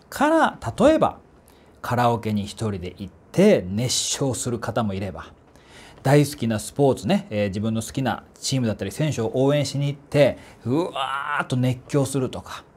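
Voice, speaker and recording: A man's voice: mid-range voice, mellow, husky. A man from the Kanto region, a voice trainer giving a chatty, emphatic solo talk with polite asides. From Kanto, Japan.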